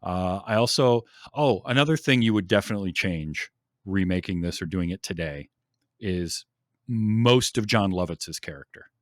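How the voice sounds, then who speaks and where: Man, podcast host, casual rambling chat, enthusiastic, fillers, lowish voice, dry close sound. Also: lively intonation, normal speed, no room sound. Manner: rambling, enthusiastic, many ums. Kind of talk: casual chat about a film.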